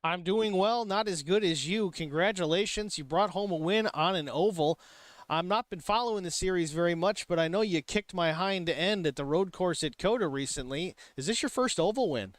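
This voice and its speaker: An excitable male race commentator with a voice pitched a bit above the usual, delivering lively booth play-by-play. The sound is close and dry, with almost no room around it. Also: normal speed, dry recording. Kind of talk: sim racing broadcast commentary.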